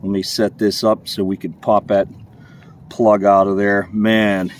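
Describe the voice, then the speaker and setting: A man, vlogging casually as he metal detects in a public park, excitable and chatty as he calls out his finds. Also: on the low side, unhurried, slight background noise. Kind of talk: casual vlog narration while detecting.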